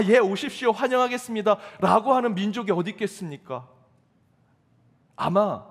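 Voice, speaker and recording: Man, pastor, emphatic sermon delivery, rhetorical questions, church sanctuary, long hall reverb. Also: high-pitched.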